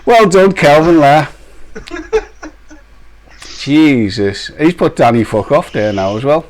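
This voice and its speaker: A man with a slightly raised voice chats loosely on a live stream, joking and teasing his co-host. He laughs often and ribs viewers in a relaxed, playful way. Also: on the high side, takes it slowly, a little hiss or hum. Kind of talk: casual live-stream banter.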